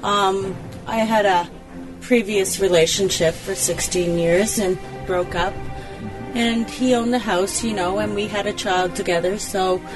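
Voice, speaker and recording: Female interviewee, personal testimony, halting and plain-spoken, prominent music bed. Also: mid-range voice, steady tone, poor audio. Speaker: former shelter resident, interviewee.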